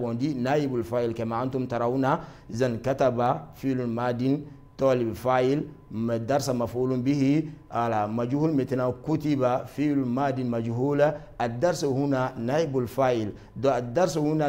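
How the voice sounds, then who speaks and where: A man's voice: medium pitch, steady tone, moderate pace, warm tone. A man with a Malian French accent teaching a grammar lesson, repeating his points with many fillers and switching between two languages. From Mali.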